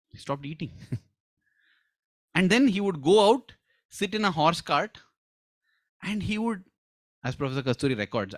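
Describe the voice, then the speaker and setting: A man delivers a devotional talk in a somewhat high voice, retelling a story and voicing each character's lines. The sound is close and dry, with no room around it. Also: no echo. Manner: acts out quoted lines, chuckles, asks listeners "huh?". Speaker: spiritual speaker.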